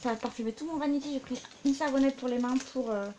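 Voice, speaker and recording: A woman's voice: high-pitched, steady tone, fast talker, dark tone, slight background noise. A young adult woman chatting casually in a show-and-tell vlog, full of fillers and side remarks. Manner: chatty, many fillers and asides. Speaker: vlogger.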